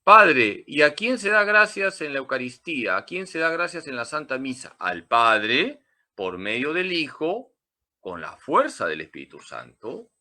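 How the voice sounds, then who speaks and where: A man's voice: on the high side, very animated, unhurried, sharp tone. A man, a priest teaching a catechism class, who asks questions and answers them himself with emphatic repetition.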